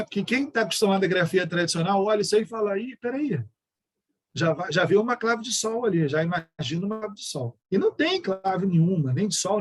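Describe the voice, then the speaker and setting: A man with a fairly high, husky voice gives a music education lecture over a video call. He explains patiently and breaks into sung syllables and numbers to demonstrate. He is from Brazil. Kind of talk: online lecture with sung examples.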